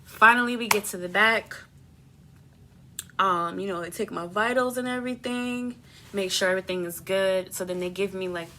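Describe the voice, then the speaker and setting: A young adult woman telling a personal story in a casual, animated way, swearing freely and using lots of fillers. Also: fairly low pitch, slight background noise. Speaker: beauty vlogger.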